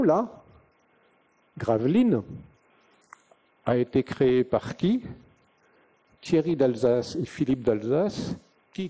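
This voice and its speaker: A man's voice: mid-range voice, warm tone, slightly rough. An older man from northern France giving a live conference lecture, telling stories and asking rhetorical questions. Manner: conversational storytelling with rhetorical questions. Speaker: conference speaker. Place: conference venue.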